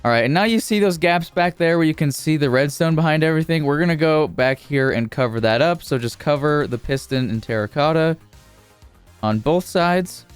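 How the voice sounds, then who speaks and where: A man narrating a casual game building tutorial as a YouTuber, speaking informally in a steady, repetitive cadence. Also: on the high side, moderate pace, clear, resonant tone, soft background music.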